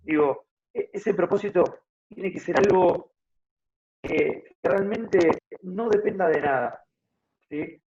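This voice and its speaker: A man's voice: sits high, takes it slowly, darkish tone, muffled recording, slight background noise. A man in his thirties with an Argentine accent, explaining his ideas at length as a guest in a casual interview, often adding tag questions. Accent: Argentine Spanish (Buenos Aires). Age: 30s. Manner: explanatory, thinks aloud with frequent tag questions. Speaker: guest, fitness motivator.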